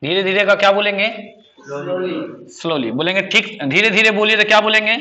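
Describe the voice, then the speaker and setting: A man's voice: high-pitched, fairly quick, sharp tone. A man teaching a spoken English class, quizzing students with repeated questions. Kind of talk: classroom lesson.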